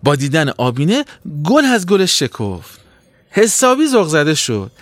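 Expressive male children's storyteller. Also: fairly high pitch, no echo. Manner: expressive, dramatic.

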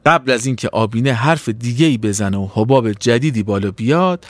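Animated male storyteller for children. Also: medium pitch, no echo. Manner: expressive, animated.

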